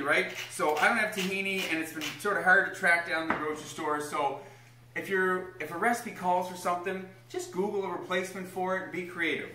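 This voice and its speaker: Here a young home cooking host with a high-sitting voice demonstrates a recipe amid background noise in his echoey kitchen. He sounds upbeat and encouraging, explaining the steps and cheering on a small child who's helping.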